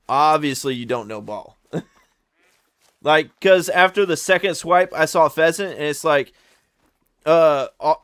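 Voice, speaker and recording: A man's voice: on the high side, fairly bright tone, clear, resonant tone, no echo, clean studio sound. A man chatting casually on a live stream while he plays, laid-back and slangy, often stuttering and repeating his words. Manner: slangy, laid-back, calls viewers brother and dude.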